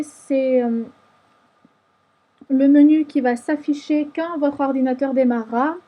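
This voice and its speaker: A woman narrating a screen-recorded software tutorial, explaining each step patiently. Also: high voice, slightly rough, highs cut off. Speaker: tutorial maker.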